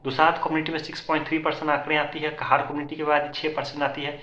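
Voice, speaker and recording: A man's voice: fairly high pitch, level tone, sharp tone. A man presenting census figures in an informal, repetitive explainer style, often calling out to his viewers as friends. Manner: rapid, repetitive, keeps addressing viewers as friends. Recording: echoey, slightly dull lo-fi audio.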